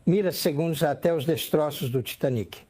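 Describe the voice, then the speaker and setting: A man's voice: fairly high pitch, normal speed, dark tone, no echo. A man speaking in a documentary voice-over.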